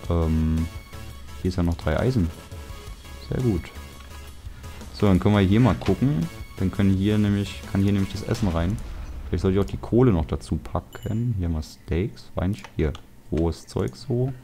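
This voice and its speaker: A young German let's play host narrates a building game in a very low, warm, easygoing voice at a moderate pace, with music clearly audible underneath. Chatty and self-mocking, he rambles and mutters jokey, grumbling asides to himself.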